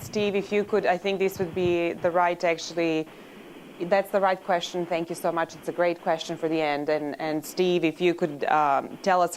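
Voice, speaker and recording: A woman's voice: on the low side, a little hiss or hum, low-quality recording. A woman from Serbia moderating a panel discussion, thanking speakers graciously with a few fillers. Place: conference room.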